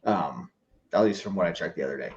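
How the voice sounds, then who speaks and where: On a muffled recording, a man with a low-sitting voice talks fast and animatedly. He's a fan guesting on a sports podcast, rambling casually through football analysis with plenty of hesitating and correcting himself.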